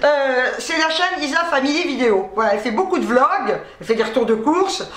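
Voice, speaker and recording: Talking about her grocery haul, a woman vlogger keeps things casual, laughing and joking often between filler words. She speaks fairly quickly in a high-pitched, expressive voice, recorded in an echoey room with faint noise.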